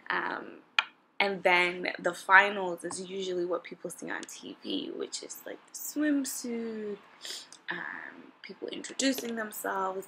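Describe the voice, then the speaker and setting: A woman's voice: medium pitch, pushed and bright, a little hiss or hum, poor audio. A young woman talking casually to camera at home, answering viewer questions in an informal, conversational way, as if thinking aloud. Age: young adult. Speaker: vlogger and pageant contestant. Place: small indoor room at home with brick wall.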